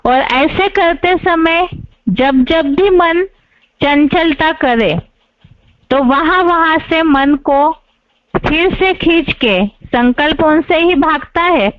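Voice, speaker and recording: Slow, patient woman teaching scripture. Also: high-pitched, no echo. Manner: measured, patient, repetitive phrasing. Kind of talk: slow explanatory religious lesson. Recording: dull lo-fi dry recording.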